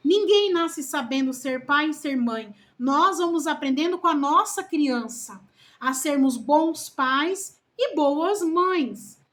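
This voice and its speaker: A Brazilian woman with a high voice chats to camera as a first-time mother vlogging about parenting. She talks slowly and earnestly and asks her viewers a lot of rhetorical questions. She softens her words with little diminutives. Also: lively intonation. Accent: Brazilian Portuguese. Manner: calls herself loud-spoken. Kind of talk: casual talk to camera.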